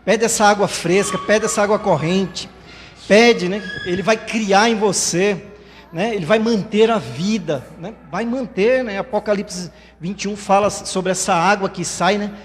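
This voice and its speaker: A man's voice: sits high, a little slow, in a large hall. A man preaching a sermon as pastor, fervent and conversational, tagging his phrases with a questioning "right?". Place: church livestream.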